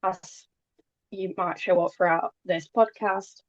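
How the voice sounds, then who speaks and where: A young woman, a pageant queen born in Poland who moved to England at ten, chats casually as a podcast guest, occasionally stumbling over her words in her native-Polish-speaker English. Her voice is lowish and steady, and she takes her time. The audio is dull but free of echo.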